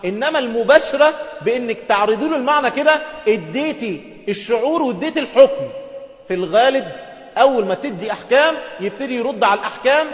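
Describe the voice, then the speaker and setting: A man's voice: extremely high pitch, expressive, quick pace. A man with an Egyptian accent giving a communication skills lesson, explaining step by step and acting out short example dialogues. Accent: Egyptian Arabic. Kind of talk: instructional talk to women viewers. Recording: echoey hall with long reverb.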